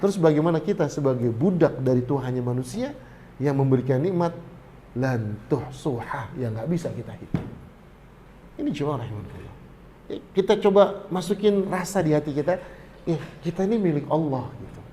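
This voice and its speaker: A man's voice: on the high side, lively intonation, moderate pace, dark tone, slight background noise. A middle-aged man giving a religious study talk to pilgrims, telling casual stories and rising to emphatic exhortation. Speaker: ustadz teaching hajj preparation.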